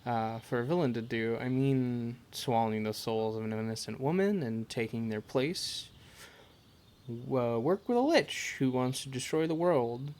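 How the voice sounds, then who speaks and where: Sounding amused and teasing, a man uses his natural, animated mid-range voice to play an adventurer who cares for and comforts a party member. This amateur audio roleplay moves gently and haltingly, like a conversation.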